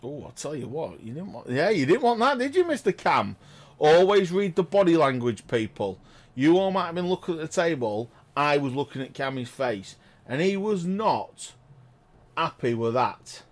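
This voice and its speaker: An excitable man, doing chatty live commentary on a pool match and exclaiming loudly at big shots. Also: a little high, moderate pace. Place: pool lounge.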